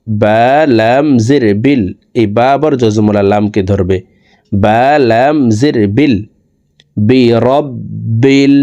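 A man teaching Quran reading, spelling out each letter slowly and then chanting the verses long and drawn out. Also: medium pitch, dark tone. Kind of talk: recitation lesson.

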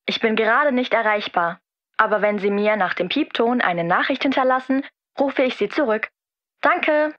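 A woman's voice: on the high side, normal speed, dull audio. A woman speaking a polite, formal answering machine greeting in a scripted listening recording.

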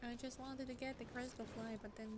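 A woman's voice: a little high, flat delivery, a little fast. A young woman streaming a game, chatting casually with lots of fillers and blunt swearing. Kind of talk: casual chat while gaming. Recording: noisy home stream mic.

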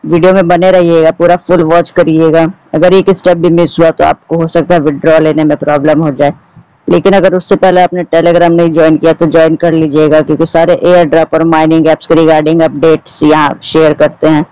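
A man's voice: fairly high pitch, level tone, brisk, darkish tone, smooth, no echo, low-quality recording. A man hosting a tech channel, giving a plain step-by-step app tutorial over a screen recording. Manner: instructive, repeats steps plainly. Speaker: tech YouTuber host.

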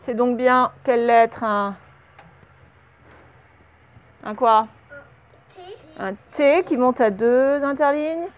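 A woman teaching young children a spelling and dictation lesson, speaking slowly and patiently and spelling words out letter by letter. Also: a little high, smooth. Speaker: primary school teacher. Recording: slightly dull, lo-fi home recording.

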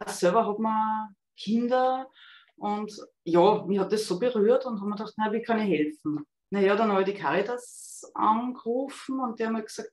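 Woman, 30s, illustrator guest, chatty and full of fillers, video call with room echo. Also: medium pitch. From Austria. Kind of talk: casual storytelling. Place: room at home with a lamp. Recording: echoey video call audio.

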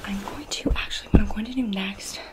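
A young woman performs a whispered role-play as a massage therapist. She speaks mostly in a breathy whisper at a medium pitch. Her fast ASMR patter repeats short words and gentle instructions over and over. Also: steady tone. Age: young adult. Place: bedroom, indoors.

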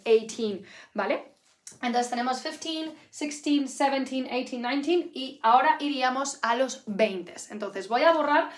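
Woman teacher from Canada, fairly high voice, chatty and repetitive, live online lesson, echoey room. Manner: lively, chatty, repeats words for learners. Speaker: English teacher.

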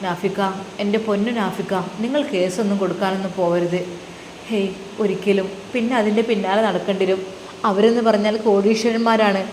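A woman's voice: medium pitch, fairly even intonation, a little fast, a little mellow, roomy sound, long reverb tail, slight background noise, natural voice, poor audio. A woman voicing a frightened young pregnant wife who pleads tearfully with her husband. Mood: pleading fearful.

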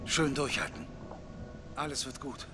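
An actor playing a steady military squad leader in a video game, giving firm, terse orders. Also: male voice, mid-range voice, unhurried, over music. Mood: reassuring. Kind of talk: dramatic video game voice acting.

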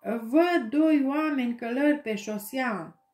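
A woman's voice: high-pitched, darkish tone, echoey room, pitched above the performer's own voice, lightly acted. A woman voicing a brave young boy calling down from a tree in an audiobook. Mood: eager.

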